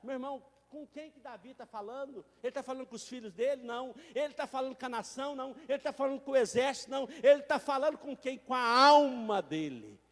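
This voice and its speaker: High-voiced preaching man, reverberant church. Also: steady tone, quick pace, few pauses. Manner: emphatic, swings from quiet asides to loud exhortation; addresses listeners directly as brothers. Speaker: pastor. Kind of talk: sermon.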